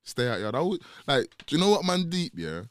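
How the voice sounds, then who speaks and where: A man's voice: on the high side, big pitch swings, fast talker. A young man with a London roadman accent, chatting casually in street slang among friends. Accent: London roadman, multicultural London English.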